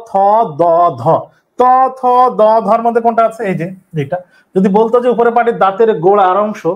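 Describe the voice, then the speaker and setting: Young adult male tutor, high voice, patient step-by-step live lesson delivery. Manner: repeats key terms, explains step by step. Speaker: teacher. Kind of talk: live online exam-prep lesson.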